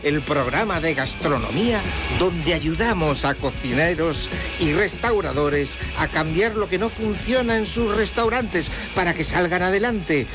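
An actor playing a pushy, theatrical TV restaurant show presenter in an audio drama. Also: male voice, fairly high pitch, lively intonation, a little slow. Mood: upbeat presenting. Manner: theatrical, goading. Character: pushy, showy male TV restaurant-makeover host. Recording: music under the voice.

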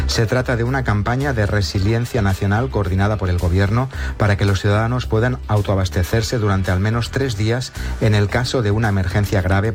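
A male correspondent reads a radio news report in a low voice. His delivery is steady and informative. A faint music bed sits behind him.

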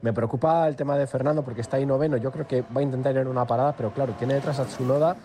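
A man's voice: medium pitch, fairly even intonation, rapid-fire, dark tone. A man giving live motorsport commentary and analysis in a conversational, repetitive way with questioning tags. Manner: conversational, repeats words, seeks agreement with tags. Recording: clear background noise.

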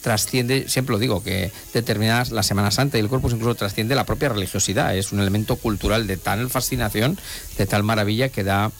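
A man's voice: lowish voice, a little fast, faint music behind. Eloquent man talking on the radio. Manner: eloquent, discursive, with frequent restarts. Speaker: regional radio station director. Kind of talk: reflective radio conversation.

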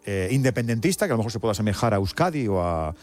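Male radio co-host, low voice, explanatory, addresses listeners. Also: big pitch swings, quick pace, darkish tone. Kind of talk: radio interview.

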